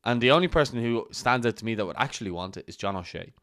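A man's voice: medium pitch, lively intonation, quick pace, fairly bright tone, no room sound, clean studio sound. A man hosting a football channel, giving emphatic opinion commentary to camera. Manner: opinionated, emphatic, building his argument.

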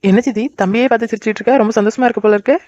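A woman voicing a caring young married woman in a cartoon, a soft-hearted elder sister who cries easily. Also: on the high side, steady tone, rapid-fire, no room sound, natural voice. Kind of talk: cartoon voice acting. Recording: dry, dull lo-fi recording.

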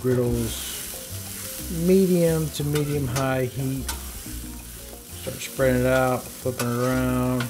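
A man's voice: mid-range voice, steady tone, slow, pauses often. A man hosting his cooking channel, casually talking viewers through each step as he cooks at an outdoor griddle. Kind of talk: casual cooking demo narration.

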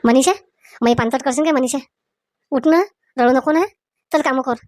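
Woman doing a bossy mother-in-law, scolding, high voice, dry. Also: normal speed, a little mellow, dry recording, lightly acted.

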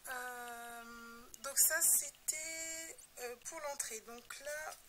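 A woman's voice: high-pitched, steady tone, drawn-out words, background noise. A young woman casually showing her scrapbook album, talking in a rambling, hesitant way with many fillers and self-deprecating asides. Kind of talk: casual show-and-tell narration.

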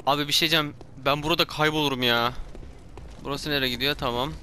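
A man commenting on his own gameplay, talking to himself, yelling and swearing when startled, his throat sore from shouting. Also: fairly high pitch, steady tone, fast talker, a little hiss or hum. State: hoarse from shouting. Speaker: gameplay streamer.

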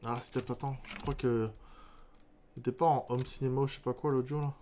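A man's voice: mid-range voice, steady tone, brisk, a little mellow, a little hiss or hum. A man giving casual let's-play commentary as a gamer, slangy, sweary and grumbling. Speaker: gaming streamer. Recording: game music behind the voice.

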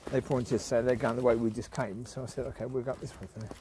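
A man's voice: medium pitch, fairly even intonation, fast, darkish tone, a little hiss or hum. A man chatting casually as he walks his dogs outdoors along a countryside path, rambling and often restarting or trailing off. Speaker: vlogger and dog owner. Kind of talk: walk-and-talk vlog.

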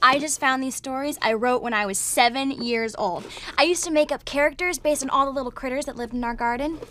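A young woman telling children's stories to camera, expressive, with exaggerated cartoon intonation. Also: high voice, fairly quick, a little hiss or hum. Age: young adult. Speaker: storyteller. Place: furnished indoor studio set.

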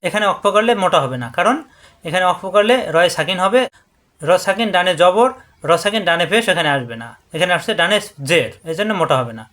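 High-voiced man teaching Quran reading. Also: expressive, a bit bright. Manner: slow, repetitive drilling of syllables; explains rules step by step, addressing viewers. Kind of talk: tajweed lesson.

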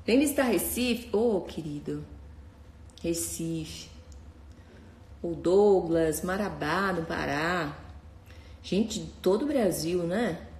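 A woman's voice: lowish voice, slight background noise. A woman hosting a casual live stream, chatting and reading viewers' comments aloud, often breaking into nervous laughter. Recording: echoey room with faint ambience.

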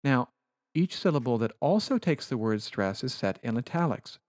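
A man giving a recorded Latin lecture over slides, explaining rules in a measured, precise manner. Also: mid-range voice, big pitch swings, darkish tone, dry recording, clean studio sound.

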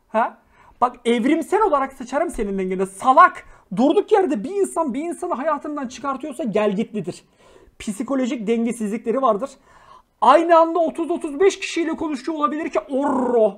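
A young man hosting a casual livestream, reading viewer messages, swearing freely and flaring into angry rants before apologizing. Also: very high-pitched. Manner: slangy, jokey, affectionate with viewers. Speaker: livestream host.

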